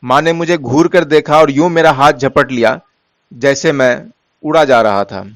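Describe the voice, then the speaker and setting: A man narrating a story in a measured, steady way, softening his voice for quoted lines. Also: mid-range voice, dry recording.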